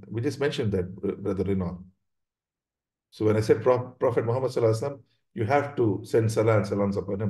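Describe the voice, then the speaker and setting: A man's voice: medium pitch, a little mellow. A man teaching an online religious class over slides, explaining step by step, often checking in with "right?" and restarting his sentences. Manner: explanatory, frequent check-ins with "right?" and "yeah?"; halting, with many restarts. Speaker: Islamic teacher. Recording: roomy echo.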